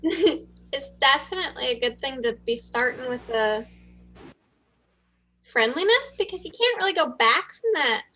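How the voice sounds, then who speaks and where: A woman's voice: high-pitched, expressive, measured pace, long pauses, sharp tone. A woman player in a tabletop game who talks in a chatty way.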